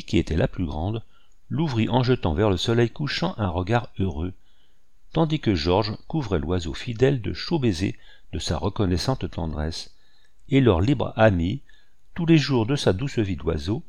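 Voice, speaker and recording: A man with a low, gravelly voice reads a classic children's tale aloud. His telling is gentle and steady, recorded close and dry with no room sound. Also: no echo. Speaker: narrator. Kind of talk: audiobook reading of a children's tale.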